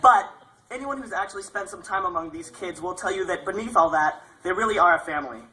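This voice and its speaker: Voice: mid-range voice, expressive, fast talker, sharp tone, low-quality recording. A young adult speaker delivering a prepared graduation speech as a graduating student.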